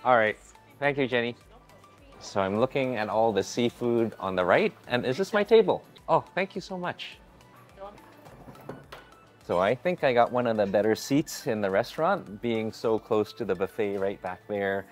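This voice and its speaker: A man's voice: mid-range voice, expressive, moderate pace, soft background music. A man in his forties giving an upbeat, chatty food vlog while walking through a hotel buffet restaurant. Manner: upbeat, chatty, often greets staff warmly. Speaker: food vlogger. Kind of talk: casual vlog narration.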